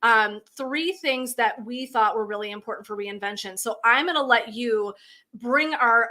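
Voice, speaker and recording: A woman's voice: on the high side, pushed and bright. A woman hosting a live video stream, chatting in a bubbly, effusive way. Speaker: host.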